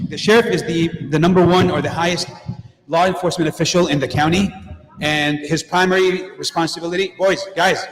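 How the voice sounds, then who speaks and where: A middle-aged man giving a direct, plainspoken talk as a guest speaker at a mosque, with frequent fillers and restarts. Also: fairly high pitch. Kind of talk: informal community talk with Q&A. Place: mosque hall. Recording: echoey hall with long reverb.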